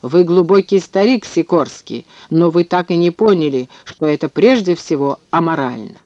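A man's voice: fairly high pitch, animated, moderate pace, darkish tone, no room sound, lightly acted. A man voicing an irate elderly male scientist who rants sarcastically, on a dull lo-fi recording. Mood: scathing. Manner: ranting, venomous.

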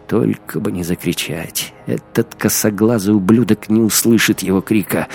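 Male narrator, very low voice, calm, measured, audiobook reading. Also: gravelly.

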